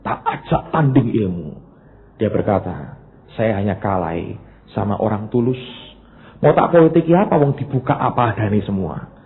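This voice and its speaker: A male pastor, preaching a sermon that jumps between loud, emphatic bursts and low, quiet asides. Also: expressive, normal speed. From Indonesia. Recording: tinny phone-like band, faint noise.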